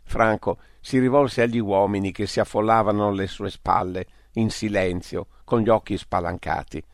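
A man reading an audiobook story aloud in a steady narrating manner. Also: on the low side, moderate pace, creaky, no echo, clean studio sound.

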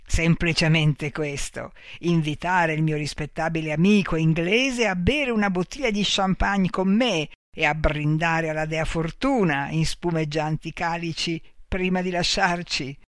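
A boisterous old French army veteran, as a man reads him out, slow and emphatic, with a fairly high voice. He leans in with a wheedling, confidential tone. The sound is dry and close, with no room around it. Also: no echo, lightly acted.

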